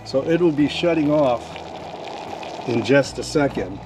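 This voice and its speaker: A man vlogging a casual product demonstration, talking in a relaxed, rambling way with frequent fillers. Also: medium pitch, unhurried, music in the background. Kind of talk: casual product demo vlog.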